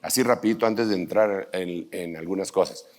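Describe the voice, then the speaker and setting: A man's voice: low-pitched, moderate pace. A man, teaching pastors in a conversational sermon, reading scripture aloud and adding joking asides.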